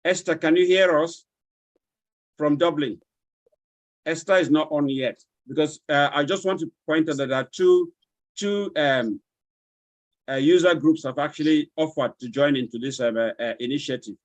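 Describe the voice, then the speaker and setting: A courteous Nigerian man calls the roll on an online webinar over a video call. His voice sits a little high, and the sound is dry and close with no room echo. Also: moderate pace. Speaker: webinar moderator.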